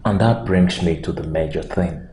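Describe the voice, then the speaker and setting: A man playing a deep-voiced, curt authority figure. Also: normal speed, natural voice. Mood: guarded. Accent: Nigerian. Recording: echoey room with clear background noise.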